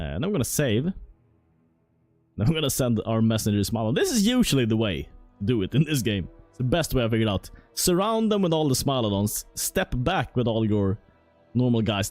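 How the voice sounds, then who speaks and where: A man's voice: on the low side, darkish tone. Man thinking aloud over a game. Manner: thinking aloud, casual and chatty. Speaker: gameplay commentator. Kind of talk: let's play commentary.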